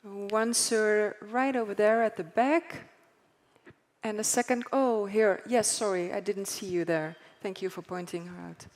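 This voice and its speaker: Brisk female moderator in a reverberant hall. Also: mid-range voice, steady tone, a little mellow. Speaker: panel moderator. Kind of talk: moderating a conference plenary. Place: large conference hall. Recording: long reverb of a conference hall.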